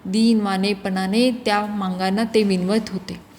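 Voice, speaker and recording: A woman narrating a classic novel in a steady, expressive storytelling manner. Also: mid-range voice, unhurried, a little hiss or hum. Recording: long echoing reverb.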